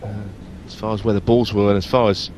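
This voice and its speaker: A man giving hushed live snooker commentary in measured, analytical asides between shots. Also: fairly low pitch, flat delivery, crowd noise. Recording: noisy arena with audience behind. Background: audience and hall noise.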